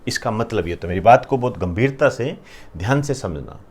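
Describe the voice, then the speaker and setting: A man giving a classroom lecture, explaining terms step by step and often checking in with "clear?". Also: fairly low pitch, lively intonation, normal speed, a little mellow. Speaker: teacher.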